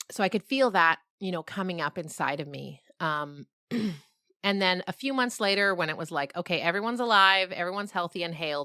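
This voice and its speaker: A middle-aged novelist and podcast creator reflects animatedly on her creative work in a conversational interview. Her voice is deep yet bright, with a forceful tone, captured in clean studio quality with no echo.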